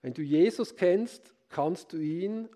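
A man giving a sermon in a calm, earnest preaching manner, often checking in with his listeners through short rhetorical questions. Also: high voice, slow.

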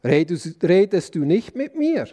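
A stern Roman governor, read by a man in a sermon's Bible reading. The voice drops low and soft for the questions. Plain, unshowy reading. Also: big pitch swings, measured pace, heavily acted.

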